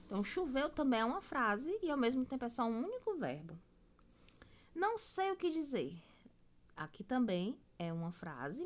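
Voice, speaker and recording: A woman, teaching a recorded grammar lesson, explaining step by step and often checking in with her students. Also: mid-range voice.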